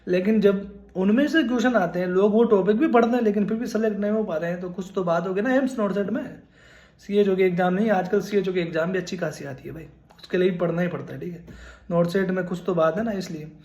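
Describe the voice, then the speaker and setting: A man's voice: sits high, fast, a little mellow, roomy sound. A man in his twenties giving casual, earnest advice on studying for a nursing exam, repeating points and calling listeners brother. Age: 20s. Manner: earnest, repetitive, addresses viewers as brother. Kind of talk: casual advice talk to camera.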